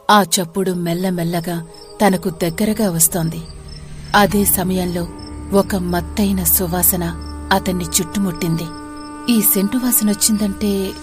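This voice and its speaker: A woman tells a scripted spooky story in a steady, measured way. Her voice sits at a middle pitch, with faint music under the narration.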